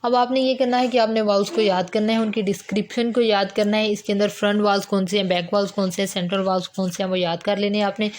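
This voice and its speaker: A woman's voice: medium pitch, flat delivery, quick pace, hardly any pauses, a little mellow, slight background noise. A woman with a Pakistani accent teaching English phonetics in a lecture, explaining terms step by step and mixing English words into her talk.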